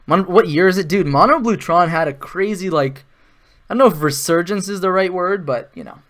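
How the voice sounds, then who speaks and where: A man's voice: sits high, animated, fairly quick, fairly bright tone. A man giving casual live-stream commentary while playing an online card game, thinking aloud, with sarcastic asides.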